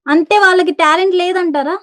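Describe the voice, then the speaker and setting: A woman's voice: very high voice, steady tone, brisk, a bit bright. A woman interviewer asking probing, challenging questions.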